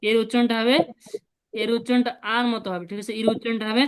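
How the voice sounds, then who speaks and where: A woman's voice: a little high, little pitch movement, quick pace, clear, resonant tone, no room sound, low-quality recording. A woman teaching a beginner language class, patiently repeating sounds and drilling her students.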